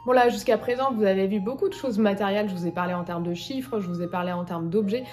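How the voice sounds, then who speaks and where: A woman's voice: mid-range voice, fast, a little mellow, faint music behind. A bubbly, chatty young woman, talking casually to camera in her vlog. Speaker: content creator.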